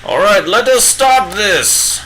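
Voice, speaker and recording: Man doing a hammy old wizard, lively. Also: high-pitched, slight background noise, full character voice, low-quality recording. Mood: grandiose. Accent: put-on British. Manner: hammy, drawn-out theatrical wizard speech. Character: pompous old male wizard with a beard. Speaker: streamer painting live.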